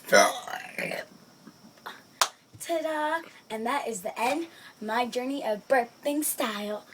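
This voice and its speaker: A woman's voice: fairly high pitch, measured pace. A woman chatting casually to camera as an amateur performer introducing and commenting on an act. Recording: clearly noisy homemade recording.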